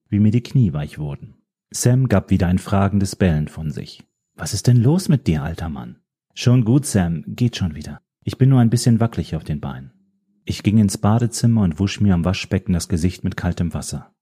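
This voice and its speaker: Man reading with a very dark, husky voice. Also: low voice. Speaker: audiobook narrator. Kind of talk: scripted first-person audiobook narration.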